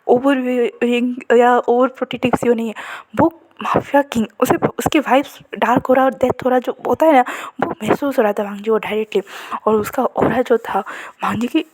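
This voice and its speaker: A woman retelling a fan fiction story in a chatty, casual way, often dropping to a hushed, whispery voice. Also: a little high, a little hiss or hum.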